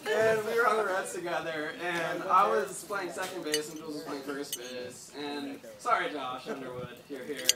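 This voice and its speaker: A man's voice: fairly high pitch, fairly even intonation, moderate pace, hardly any pauses, far from the mic. A young man in his twenties giving a best man toast at a wedding, telling rambling stories with lots of "like" fillers. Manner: rambling, storytelling with frequent "like" fillers. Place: large hall at a wedding reception. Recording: echoey hall, chattering crowd.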